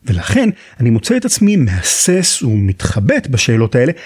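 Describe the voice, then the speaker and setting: Israeli male podcast host for scripted explanatory narration; animated pitch, dry close sound. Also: husky, dry recording.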